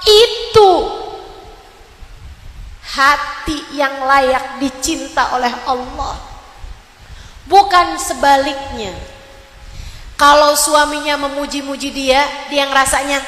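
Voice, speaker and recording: A woman preacher with a high, bright voice delivers an earnest sermon at an unhurried pace. She half-sings her refrains, and the sound rings with long reverb and room echo. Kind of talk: sermon to women.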